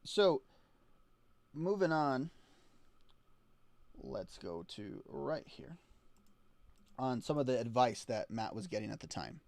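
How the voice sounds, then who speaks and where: Male podcast host, casual music talk, chatty and lively, dry close-miked sound. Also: mid-range voice, slow pace, gravelly, long pauses, dry recording. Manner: chatty, swings between excited and quiet asides.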